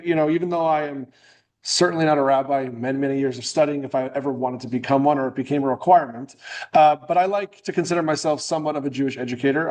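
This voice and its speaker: A man's voice: fairly high pitch, a little mellow. A middle-aged man from New England giving a friendly, joking talk at a club meeting, loose and full of restarts. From New England, USA. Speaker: guest speaker. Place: meeting room.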